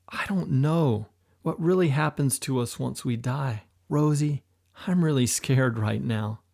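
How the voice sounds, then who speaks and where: In an audiobook, a man gives voice to an emotional special agent, shifting between tenderness and fear. He pitches the character higher than his narration, and his tone is a little mellow.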